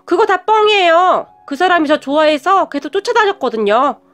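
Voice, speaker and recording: A woman's voice: sing-song, moderate pace, a bit bright, full character voice. A woman doing a brazen young fiancée. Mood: defiant. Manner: bold, shrill insistence.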